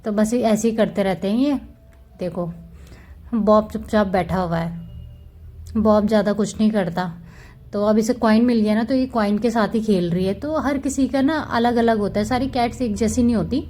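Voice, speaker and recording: A woman's voice: mid-range voice, moderate pace, mellow. A woman giving a casual, chatty voice-over about her pet cats, fond and explaining as she goes. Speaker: cat vlogger.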